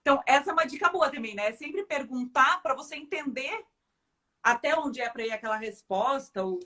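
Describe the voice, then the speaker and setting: A woman with a Brazilian Portuguese accent hosting a casual live talk and telling a story in a relaxed, conversational way. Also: high-pitched, a little fast. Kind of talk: casual chat.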